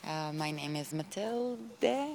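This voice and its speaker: Interviewee, Italian woman, 29, very deep gravelly tone, slow and hesitant speech. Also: lively intonation, darkish tone, a little hiss or hum. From northern Italy. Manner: hesitant, searching for words. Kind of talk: casual interview answers.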